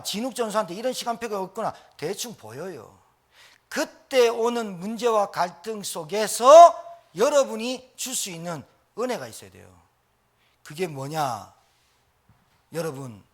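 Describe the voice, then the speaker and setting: Middle-aged pastor guy preaching hard, fairly high voice that jumps all over. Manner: animated, emphatic preaching with jokes. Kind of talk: sermon.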